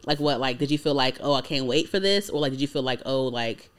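A woman's voice: rumbling low, expressive, fast. A woman in her twenties co-hosting a casual podcast, talking in a loose, rambling way full of likes and ums. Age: 20s. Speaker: podcast co-host.

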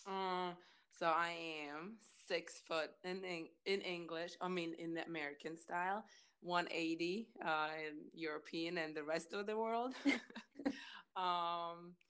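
Low, clear-voiced woman with a Latvian accent. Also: steady tone, measured pace, fairly bright tone. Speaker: interview guest, former college basketball player. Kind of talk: casual interview chat.

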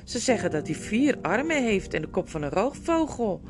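A woman's voice: big pitch swings, moderate pace, natural voice. Woman doing a tiny, timid lamb voice. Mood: earnest. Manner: small, high, polite and earnest. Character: very young timid woolly lamb.

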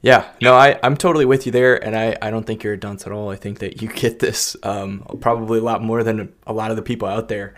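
A man hosting a casual podcast, relaxed and agreeable as he puts questions to his guest. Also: on the low side, fast talker, few pauses. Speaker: podcast host.

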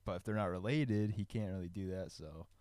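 A man's voice: sits low, brisk, darkish tone. A young man co-hosting a podcast in casual chat, laid-back and rambling, full of "dude" and "like". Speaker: podcast co-host.

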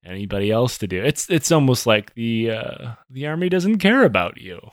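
A man's voice: medium pitch, very animated, moderate pace, no echo. A man co-hosting a casual history podcast, joking, swearing and rambling with lots of fillers. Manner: jokey, profane, rambling with many fillers. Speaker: podcast co-host.

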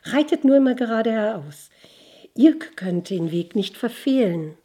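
A woman doing a bright, modest ragged girl. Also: on the high side, animated, a little slow, breathy edge. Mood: cheerful. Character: young ragged girl, cheerful yet modest.

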